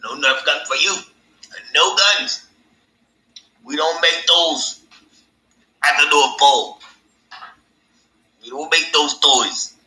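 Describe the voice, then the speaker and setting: A man voicing a stern old Santa Claus who slowly and firmly refuses a child's toy wish. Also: on the high side, bright, forceful tone, pitched above the performer's own voice, heavily acted. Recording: echoey room.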